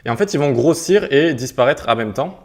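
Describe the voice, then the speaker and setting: A web development instructor with a mid-range voice and lively intonation moves briskly through a screen-recorded coding tutorial. He explains step by step in a casual way, dropping little sound words like "tac" and "hop" with his clicks.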